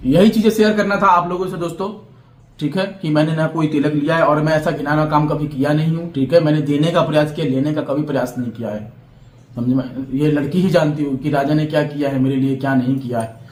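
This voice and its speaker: A man's voice: fairly high pitch, fairly even intonation, fast, a little mellow, reverberant. A young man from Bihar, vlogging to camera in a heated, defiant monologue that lectures and keeps checking that his listeners understand. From Bihar, India.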